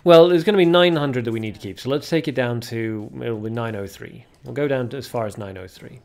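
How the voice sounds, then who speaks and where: A man's voice: mid-range voice, brisk, gravelly, a little mellow, faint music behind. A young man hosting a casual card-game livestream, chatting with viewers and reading card names aloud as he opens packs. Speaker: livestream host.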